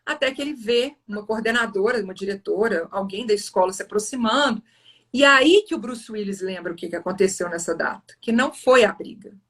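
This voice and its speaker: A woman's voice: medium pitch, fairly bright tone, distant mic. A woman, hosting a live series, earnestly retelling a film scene with frequent restarts. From Brazil. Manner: earnest, halting storytelling with restarts.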